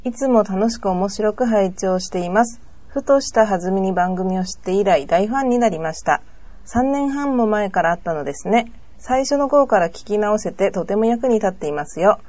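A woman's voice: mid-range voice, animated, normal speed, mellow, no echo. Woman reading a listener letter politely.

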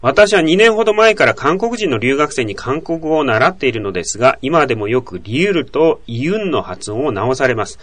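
A man talks through Korean pronunciation in relaxed chat, his pitch swinging widely as he demonstrates each sound aloud. The sound is dry and close to the mic. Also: brisk, few pauses, dry recording. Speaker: host, chief editor of a Korean language podcast. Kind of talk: explaining pronunciation in casual chat.

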